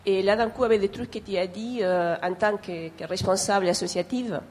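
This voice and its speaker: A woman's voice: mid-range voice, fairly even intonation, brisk, darkish tone, a little hiss or hum. A woman with a foreign accent, not a native French speaker, speaking earnestly and hesitantly off the cuff, repeating phrases as she searches for words. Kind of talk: spontaneous remarks at a public discussion.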